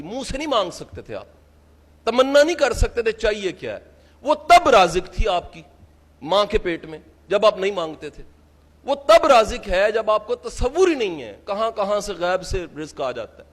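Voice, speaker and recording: A man's voice: high-pitched, very animated. A man gives an impassioned religious lecture to a seated audience, asking many rhetorical questions. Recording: long hall reverb.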